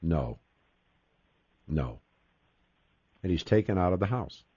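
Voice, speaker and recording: A man's voice: deep voice, very animated, takes it slowly, warm tone, husky, no echo, muffled recording. A man hosting a casual discussion, talking emphatically, repeating words and cutting in often. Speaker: podcast host.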